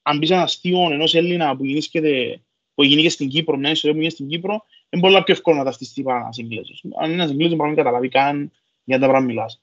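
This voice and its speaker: A man speaks in a somewhat high voice with a Cypriot Greek accent. He talks in a loose, colloquial podcast style, leaning on repeated filler phrases. The recording is a little muffled. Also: a bit bright. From Cyprus. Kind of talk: casual podcast conversation.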